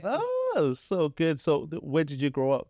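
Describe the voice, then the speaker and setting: A man's voice: a little high, huge pitch swings, unhurried, mellow, no echo, studio quality. A man hosting a podcast, bantering in a playful, hype way and teasing his guests. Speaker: podcast host. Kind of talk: casual podcast chat.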